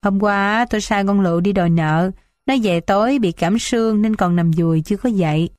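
A woman's voice: brisk, a little mellow, dry recording, clean studio sound, natural voice. A woman voicing a scolding, dramatic old village matriarch in an audiobook. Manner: shrill, complaining, wailing.

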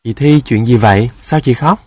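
A man's voice: medium pitch, moderate pace, slightly rough, dry recording, natural voice. A man voicing a whiny little child in a storybook tale who begs and complains. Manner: whiny, insistent.

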